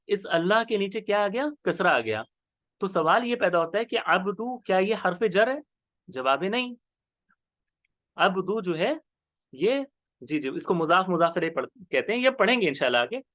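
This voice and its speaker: Teaching grammar online, a man speaks in a lively, high voice whose pitch moves freely up and down. His explanations are slow and patient, each term repeated for his students, captured in a close, dry recording with no sense of room.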